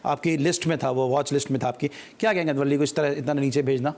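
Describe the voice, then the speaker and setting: A man's voice: mid-range voice, steady tone, fast, a little mellow. A man hosting a cricket studio show, prompting guests with questions and frequent backchannels. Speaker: sports show host.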